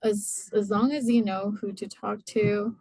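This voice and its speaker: A woman's voice: medium pitch, level tone, measured pace, mellow, dry recording, poor audio. A woman giving informal advice as a panelist, feeling her way through phrases and checking for agreement. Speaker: employer panelist.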